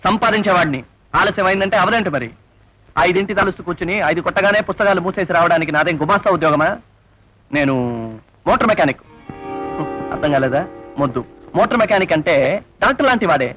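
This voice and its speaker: A man's voice: high voice, quick pace, long pauses. An actor playing a brash young man who barks for a gambling stall and brags about being a motor mechanic. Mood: boastful. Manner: loud sing-song barking at a gambling stall. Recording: dull old film soundtrack with music.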